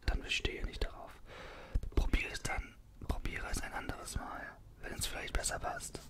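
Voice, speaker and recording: Young man in a hushed ASMR whisper. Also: moderate pace. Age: 20s. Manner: informal, conversational asides. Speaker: ASMR creator. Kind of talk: ASMR, reading an article aloud with casual comments. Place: small bedroom. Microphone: desktop condenser microphone, close up.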